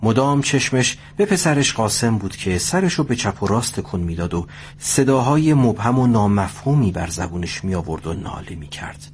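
A man narrating a scripted story at a steady pace. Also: on the low side, a little hiss or hum.

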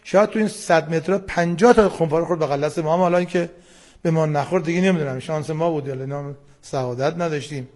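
A man's voice: a little high, a little mellow. A man, a war veteran, recounting his memories in a plain matter-of-fact way. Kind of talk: spoken testimony.

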